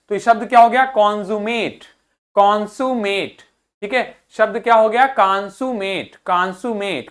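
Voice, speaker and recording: Leading a vocabulary lesson, this male teacher has a high-sitting, fairly bright voice. He asks the class questions, supplies the answers on his own, and slowly repeats every word a number of times.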